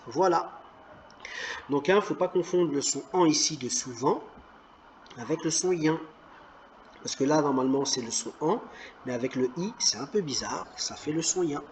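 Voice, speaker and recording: A man teaching a reading lesson to children, sounding out words slowly and patiently, encouraging them as he goes. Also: a little high, a little hiss or hum. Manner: slow, clearly stressed word-by-word reading. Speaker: primary school teacher.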